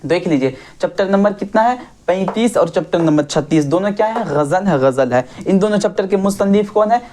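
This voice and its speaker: An Urdu teacher runs an online class, her voice on the low side and a little mellow. She repeats key points, poses questions and answers them herself, and keeps up her set phrases to viewers.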